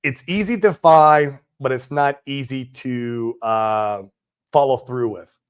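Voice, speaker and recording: A livestream host in his forties chats casually from his Puerto Rico home, going through viewer comments. He speaks slowly in a smooth, mid-range voice, relaxed and slangy, tossing in "man" and "dude" constantly.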